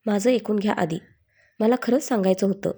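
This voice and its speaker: Storybook young woman, pleading and stubborn, mellow and warm in tone, as a woman narrator voices her. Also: medium pitch, brisk, slightly rough, close to an everyday voice.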